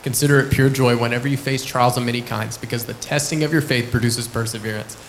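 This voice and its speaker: A man, a ministry staff member, sharing a friendly, relaxed testimony with frequent fillers. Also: medium pitch, fast, a little hiss or hum, low-quality recording. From Lubbock, Texas. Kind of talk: church testimony and introduction.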